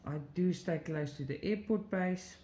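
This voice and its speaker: A woman from South Africa, with a lowish, mellow voice and a slightly slow pace, stitches at home for her cross-stitch channel. She chats casually and laughs a lot, drifting into rambling asides. The recording carries a roomy echo and faint background noise.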